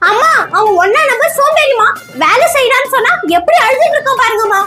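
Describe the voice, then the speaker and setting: Woman playing a whiny scheming kid girl, very high and squeaky, music bed. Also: expressive, quick pace, sharp tone, exaggerated voice. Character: mischievous young girl, lazy and scheming. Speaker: daughter Monika. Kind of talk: comedy skit dialogue.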